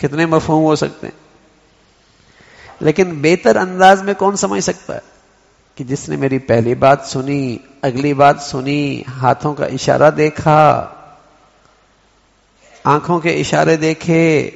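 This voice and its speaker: Gravelly male preacher in an echoing hall. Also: a little high, fairly even intonation, long pauses. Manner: explains by acting out one sentence in different tones. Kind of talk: Islamic sermon. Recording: dull recording in a long-reverb hall.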